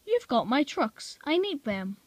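A woman voicing a mischievous male diesel engine who speaks slowly in a mock-offended, taunting tone. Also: high voice, big pitch swings, dry recording, pitched above the performer's own voice.

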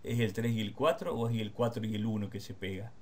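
A man with an Argentine Spanish accent, teaching guitar in a casual one-on-one lesson, explaining rhythm with quick rhetorical questions. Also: fairly low pitch, fairly even intonation, a little mellow. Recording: guitar playing in the background.

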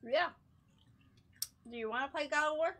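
A woman's voice: high voice, moderate pace, a bit bright. A young woman streaming a game, chatting casually and giggling as she talks back to her viewers. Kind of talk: casual chat while gaming.

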